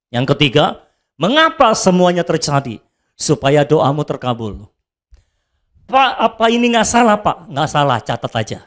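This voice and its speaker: A man preaching a sermon as a pastor, swinging between loud high calls and soft low asides.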